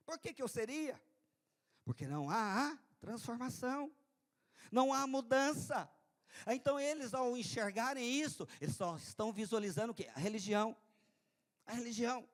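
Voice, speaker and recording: High-voiced preaching man. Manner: preaching with swings from quiet to loud; repeats phrases and adds "né" often. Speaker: pastor. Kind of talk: sermon. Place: church service.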